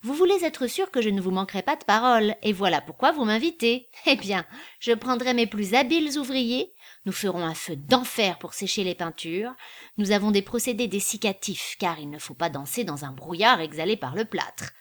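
A jovial tradesman teases and banters at a brisk clip, voiced by a woman reading a storybook. He sounds lively and familiar. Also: mid-range voice, natural voice. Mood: teasing. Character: jovial teasing male tradesman.

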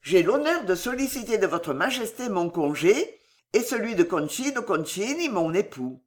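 A woman's voice: mid-range voice, very animated, moderate pace, darkish tone, lightly acted. A woman voicing a cold, scheming female royal confidante in a read-aloud historical novel, icy and cuttingly polite.

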